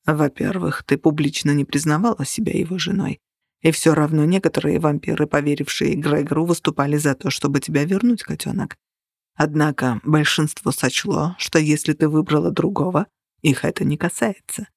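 A reader voicing a stern, protective male vampire who speaks low, firm and hushed. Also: moderate pace, gravelly, husky, no room sound, studio quality.

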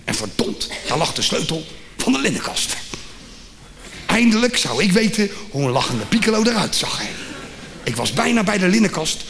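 A man's voice: high voice, big pitch swings, normal speed, gravelly. A man from The Hague telling a comic story on stage and acting out the voices of the people in it. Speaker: comedian. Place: theatre stage. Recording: live theatre recording with hall reverb, audience laughter and noise.

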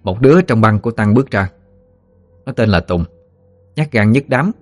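A man narrates a ghost story in a calm, even way. His voice is dry and close. Quiet music runs underneath. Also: on the low side, normal speed, no room sound.

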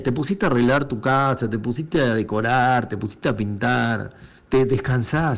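Medium in pitch and touched with vocal fry, this man's voice carries a Rioplatense Argentine Spanish accent. He's hosting a relaxed, reflective monologue, addressing his listeners directly with encouragement.

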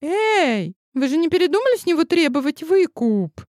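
A woman voicing a sharp-tongued, cackling woman astrologer who teases shrilly. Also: sing-song, normal speed, no echo, clean studio sound. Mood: bossy. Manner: shrill and teasing.

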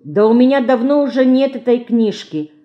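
A woman's voice: on the high side, animated, moderate pace, muffled recording, pitched above the performer's own voice, natural voice. A woman reading an audiobook, voicing an earnest, sensible schoolgirl who is the older sister.

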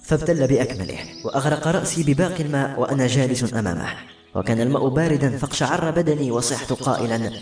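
A man narrating a novel in the first person, in an expressive storytelling manner. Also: mid-range voice, quick pace. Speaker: audiobook narrator. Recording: echoey room with faint music. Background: faint background music.

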